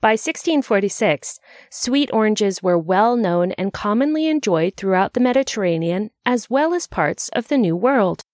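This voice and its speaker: A woman's voice: mid-range voice, animated, normal speed, darkish tone, no echo. A woman narrating a scripted explainer in a bookish, conversational way, with wry asides.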